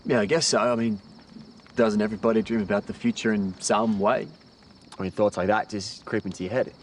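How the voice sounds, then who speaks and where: A man's voice: lowish voice, fairly even intonation, brisk, slight background noise, lightly acted. An actor playing a hesitant, laid-back teenage boy. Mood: easygoing. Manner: hesitant, with many ums, and easygoing. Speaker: high school student. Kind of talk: film dialogue.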